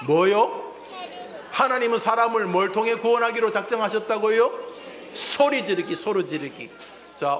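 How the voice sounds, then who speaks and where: Man, pastor, lively call-and-response sermon, fairly high voice, long church reverb, faint room hum. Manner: animated call-and-response, leads the congregation in repeating phrases. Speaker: senior pastor. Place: church sanctuary.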